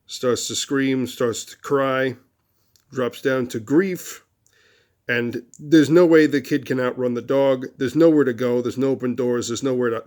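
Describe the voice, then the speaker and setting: A man talks through casual relationship advice in a mid-pitched voice, rambling with fillers and restarts. When he acts out angry lines, his voice jumps loud and high. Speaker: host of a relationship advice video series. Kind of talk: casual advice monologue with storytelling.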